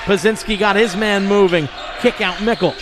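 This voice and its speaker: A man's voice: sits high, steady tone, moderate pace. A man calling a basketball game live as play-by-play commentator. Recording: loud crowd and gym noise. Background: crowd, bouncing basketball.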